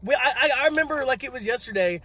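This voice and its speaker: A man's voice: very high-pitched, animated, very fast, pushed and bright, a little hiss or hum. A young man of about eighteen, talking earnestly to viewers from a parked car and urging them to subscribe, filmed on a phone. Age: late teens. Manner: earnest, preachy at times, plugs the channel. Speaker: vlogger. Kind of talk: casual vlog chat. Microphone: phone camera held on the dashboard.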